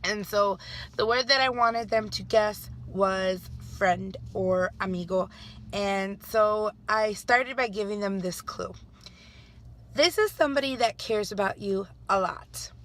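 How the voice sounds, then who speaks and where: A woman teacher telling a classroom story in an animated vlog, acting out the children's voices. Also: medium pitch, unhurried, slight background noise. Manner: animated, acts out kids' voices.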